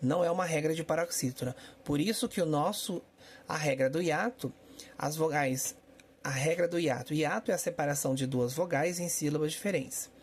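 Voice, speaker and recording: A man's voice: fairly high pitch, moderate pace, breathy edge. A man teaching a Portuguese grammar lesson for exam prep, explaining step by step and checking in with his students.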